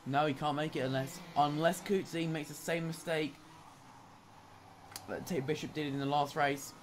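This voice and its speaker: A man's voice: a little high, fairly even intonation, moderate pace, slight background noise. A man with a northern English accent commentating a sim-racing event and interviewing drivers, chatty, with fillers and self-corrections. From northern England. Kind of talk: live esports race commentary.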